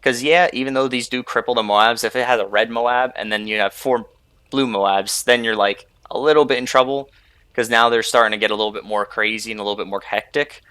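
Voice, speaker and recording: A man's voice: mid-range voice, fairly even intonation, brisk, sharp tone, no echo. Chatty young man rambling over gameplay. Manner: rambling, chatty, fills with "like" and "you know". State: sleepy, yawning. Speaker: gaming channel host. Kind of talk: casual gameplay commentary.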